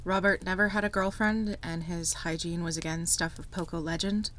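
A woman's voice: fairly low pitch, steady tone, normal speed, fairly bright tone, slight background noise. A woman hosting a true crime podcast, narrating a script in a storytelling manner with casual asides.

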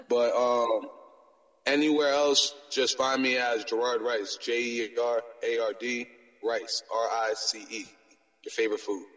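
A man's voice: medium pitch, little pitch movement, a little slow, fairly bright tone, long reverb tail, poor audio. A man chatting casually as an interview guest, laid-back and colloquial. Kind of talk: casual chat.

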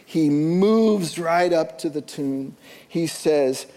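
A man preaching a sermon as pastor, slow and deliberate, dropping soft and then rising with emphasis. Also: on the high side, long reverb tail.

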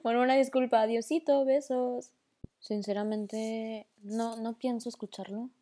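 A woman's voice: on the high side, level tone, unhurried, mellow. A young woman with a northern Mexican accent hosting a casual voice-memo podcast, rambling and mixing in English slang. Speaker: podcast host.

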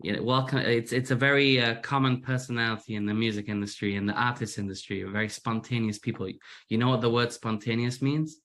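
A fast talker with a mid-range, fairly bright voice and fairly even intonation, this musician from England is a guest in a casual interview. His Manchester accent has gone slightly American, and he is self-deprecating, frequently repeating words.

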